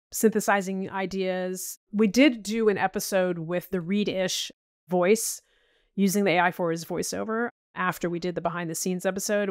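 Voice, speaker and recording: A woman's voice: medium pitch, dry recording, clean studio sound. A middle-aged woman talking casually as a podcast guest, chatty, with frequent restarts and "you know"s. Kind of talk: casual interview chat.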